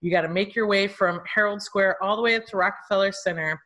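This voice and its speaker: A woman hosting a casual podcast chat, telling stories in a chatty, lively way. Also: medium pitch, fast talker. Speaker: podcast host.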